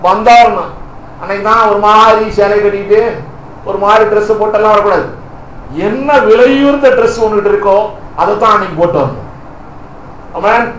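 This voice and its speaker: A male pastor preaches a fervent sermon in an echoey hall, firing rhetorical questions at the congregation and punctuating his words with hallelujah and amen. His voice sits high and a bit bright, moving fairly quickly with long pauses. A faint hiss or hum runs under the recording.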